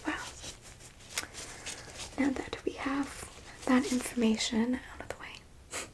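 Woman as a gentle alien scientist, whispered role-play. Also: high-pitched, fairly even intonation, rough recording. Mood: gently curious. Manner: whispering close into the listener's ear; gentle, reassuring, slow and soft-spoken. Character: gentle, curious female alien scientist examining a specimen.

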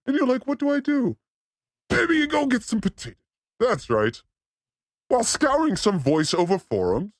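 A man hosting a chaotic comedy stream, joking around in a goofy voice that jumps between pitches. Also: no echo, studio quality. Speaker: host.

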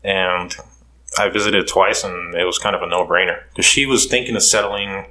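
A man from Curaçao in his thirties, talking as a podcast guest. His voice sits very low but rings bright and forward. He rambles casually with lots of "uh" and "you know," over a faint hiss. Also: moderate pace, low-quality recording. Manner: relaxed storytelling with many fillers. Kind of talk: casual interview.

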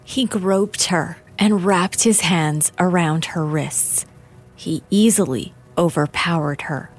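Slow, measured woman narrator. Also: lowish voice, soft background music. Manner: measured, deliberate. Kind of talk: scripted documentary narration.

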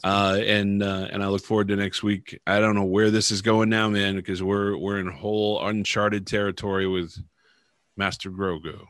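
A man hosting a podcast in casual banter, playful and quick to tease his co-host. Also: on the low side, little pitch movement, fairly bright tone, no room sound, clean studio sound.

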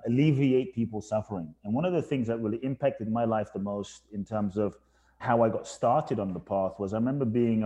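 A man's voice: mid-range voice, mellow. A man from Ghana, a podcast guest, telling his life story earnestly, with some restarts. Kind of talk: casual storytelling interview.

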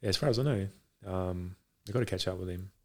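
A boxing coach, guesting on a podcast from his home garage, chats casually in a hesitant, rambling way. His voice sits low and sounds a little mellow, and he talks at a quick pace.

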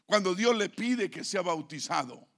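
A man with a high, gravelly voice preaches a sermon as a pastor. He drops to quiet, almost offhand remarks, then climbs to loud shouted lines. He drags out the phrases he wants to land. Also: lively intonation. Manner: swings between soft asides and loud shouted declarations; slow, drawn-out emphasis on key phrases. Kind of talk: Pentecostal-style sermon.

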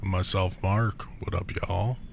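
Under-the-weather man, gravelly low voice. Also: steady tone, unhurried. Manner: casual swearing. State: rough, under the weather with flu. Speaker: podcast co-host. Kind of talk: casual chat. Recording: noticeable background noise.

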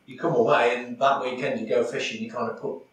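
A man's voice: mid-range voice, little pitch movement, fast talker. Man, casual podcast chat, distant and roomy sound. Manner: chatty, full of fillers. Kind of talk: casual chat about angling. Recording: echoey, far from the mic, faint background noise.

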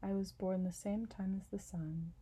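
A woman's voice: mid-range voice, fairly even intonation, normal speed, dark tone, husky, close to an everyday voice, rough recording. A woman voicing a vain, delicate female flower who speaks sweetly and fussily in an audiobook. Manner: sweet, affected, fussy. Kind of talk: audiobook reading.

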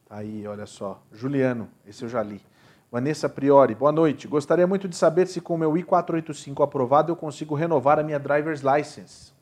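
A man's voice: on the high side, steady tone, fairly quick, a little mellow. A man with a Brazilian Portuguese accent hosting a live podcast, casually reading out audience questions. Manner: casual, chatty, reads questions aloud.

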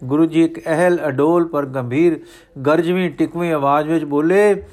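A man's voice: fairly high pitch, fairly even intonation, moderate pace, darkish tone. A man narrating a devotional story in a rhythmic, declamatory style.

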